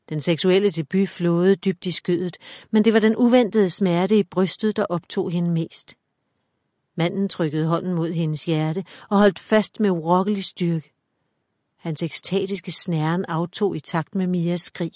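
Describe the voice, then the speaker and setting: Woman with a dark, mellow voice reading a dark story. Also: on the low side, no room sound, studio quality. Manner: measured, dramatic reading. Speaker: audiobook narrator. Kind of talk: scripted audiobook narration.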